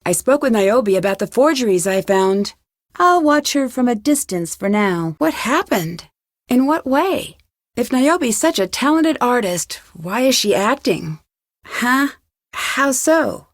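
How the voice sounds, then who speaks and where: In this video game dialogue, a woman performs as a curious, courteous young detective, her slightly high, expressive voice moving a little slowly as she earnestly questions. The studio recording is clean and dry.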